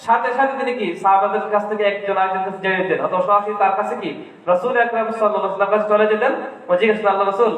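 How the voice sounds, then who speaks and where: A man's voice: high voice, steady tone, racing, a bit bright. A man teaching a Quran reading class to children. He keeps asking the class questions and answering them himself, and he draws out the letter sounds. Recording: echoey hall, far from the mic.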